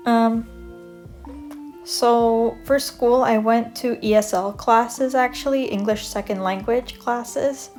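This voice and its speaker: Speaking slowly in a slightly high, steady voice, this young Canadian art vlogger rambles through a casual draw-with-me chat. She leans on lots of fillers and keeps correcting herself while soft guitar music plays behind her.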